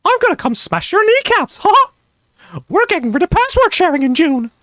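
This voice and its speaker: Mickey Mouse, a squeaky greedy boss. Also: male voice, big pitch swings, moderate pace, bright, forceful tone, no room sound, clean studio sound, full character voice. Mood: gleeful menacing. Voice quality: shrill falsetto with cackling laughs. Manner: gleeful, mocking, menacing.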